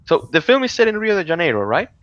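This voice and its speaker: A man co-hosting a casual podcast, telling stories in an animated way with many restarts and sudden excited outbursts. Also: high voice, fast, slight background noise. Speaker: podcast co-host. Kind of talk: casual political chat. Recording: dull lo-fi audio.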